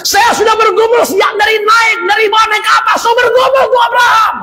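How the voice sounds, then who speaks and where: A man voicing an anguished elderly patriarch who shouts tearfully, with a Manado Malay accent. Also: extremely high pitch, big pitch swings, takes it slowly, vocal fry, a crowd in the background, heavily acted. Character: anguished elderly patriarch, torn but obedient. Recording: echoey hall with long reverb.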